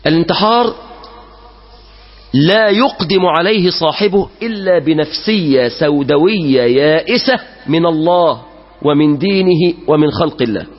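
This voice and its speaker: A man's voice: on the high side, animated, moderate pace, dull audio. A man with an Egyptian Arabic accent preaching a Friday sermon, moving between classical Arabic and casual asides with rhetorical questions.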